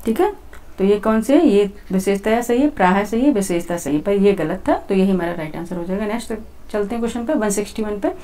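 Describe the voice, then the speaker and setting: A woman's voice: medium pitch, quick pace, warm tone. A woman teacher working through exam questions step by step, repeating herself and saying "okay" often as she talks to her students. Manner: repetitive, says "theek hai" often; explains step by step, talking to students. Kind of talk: exam-prep lesson.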